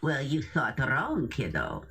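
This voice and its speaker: A woman's voice: very deep voice, wildly swooping pitch, slow, fairly bright tone, slightly rough, exaggerated voice. A woman voicing a cackling old witch in a video game, gloating and punning with sing-song menace. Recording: game audio with music behind.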